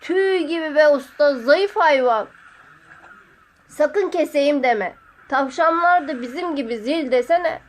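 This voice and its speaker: A woman voicing a short-tempered older male fisherman master who scolds in a rough way. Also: high voice, unhurried. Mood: gruff.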